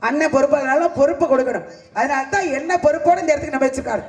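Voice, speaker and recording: A man playing a bossy village woman who heads the household, scolding loudly with rapid-fire questions on a live comedy stage. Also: very high-pitched. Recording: echoey stage with background music.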